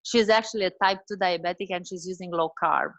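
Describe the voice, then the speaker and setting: A Romanian woman in her forties with a Romanian accent speaks quickly in a fairly low voice. She's a dietitian appearing as a guest in a casual interview, warm and animated, with many fillers and restarts.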